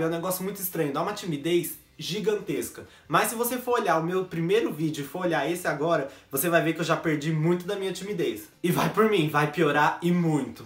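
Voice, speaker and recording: A man's voice: fairly high pitch, roomy sound. A young man from São chatting casually to camera in a jokey, self-mocking vlog, recorded at home on a basic camera mic. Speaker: YouTuber. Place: bedroom set at home.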